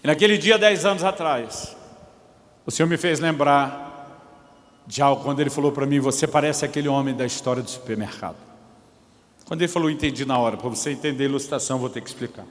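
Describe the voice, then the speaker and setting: A man's voice: on the high side, fast. A man, preaching a sermon and telling a story with acted quotes and jokes, in an echoey church. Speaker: pastor.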